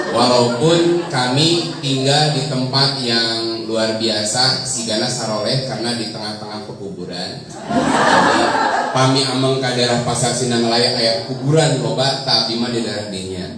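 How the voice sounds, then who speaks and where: A preacher and guest speaker from Bandung, Indonesia, with a Sundanese accent, tells joking, chatty stories about his childhood and laughs often. His mid-range voice moves at a moderate pace. The recording comes from a distant mic in a large, echoey hall, with audience murmur and heavy background noise.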